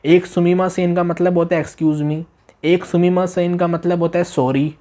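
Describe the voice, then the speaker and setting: A man teaching a beginner language demo class, repeating phrases slowly, asking the listener questions and exaggerating his tone to show meaning. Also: high voice, fairly even intonation, mellow. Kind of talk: demo class lesson taught in Hindi.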